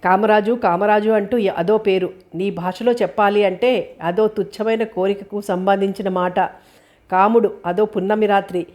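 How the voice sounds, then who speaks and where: A woman's voice: mid-range voice, fairly even intonation, moderate pace, dull audio, close to an everyday voice. A woman voicing an irritable young man who snaps indignantly at his grandmother. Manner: snappish, indignant.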